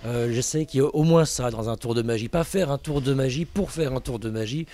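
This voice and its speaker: A man's voice: medium pitch, fairly quick, dark tone. A man, a stage magician, answering casually and reflectively in an interview.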